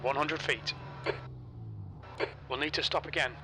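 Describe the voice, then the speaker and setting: A man's voice: on the high side, measured pace. A man voicing a race crew chief, giving clipped pit orders over the car radio. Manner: clipped, flat instructions. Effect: terse pit radio call over car radio. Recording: far-off radio voice under loud engine noise. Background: loud racing car engine.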